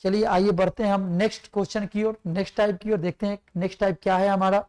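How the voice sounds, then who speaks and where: A man's voice: sits high, level tone, fast, darkish tone, clear, resonant tone. Picture a man walking students through an exam-prep math lesson in careful steps. He poses questions and answers them himself. He reads numbers and multiplication tables aloud as he works. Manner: explains step by step, asks and answers his own questions. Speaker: math teacher.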